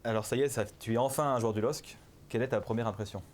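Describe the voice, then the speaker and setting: Speaking fast in a mid-range voice, a man interviews a new player for the club. He leads with prepared set-up questions and stumbles now and then.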